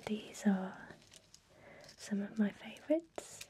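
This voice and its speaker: Slow whispering woman, soft and mellow. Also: medium pitch, animated. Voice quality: breathy whisper. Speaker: spa technician roleplay. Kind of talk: ASMR whispered tutorial.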